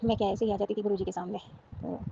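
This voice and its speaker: A woman from Rajasthan giving a devotional thanksgiving testimony, speaking softly and slowly and repeating her words of thanks. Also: medium pitch, steady tone, gravelly. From Rajasthan, India. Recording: muffled lo-fi recording with loud background noise.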